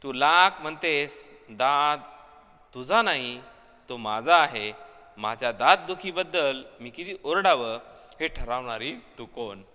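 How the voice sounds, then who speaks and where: A man's voice: medium pitch, normal speed, pushed and bright, clear, resonant tone, big-room sound, close to an everyday voice. A man reading the lines of a husband in pain from a toothache, complaining irritably. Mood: irritated.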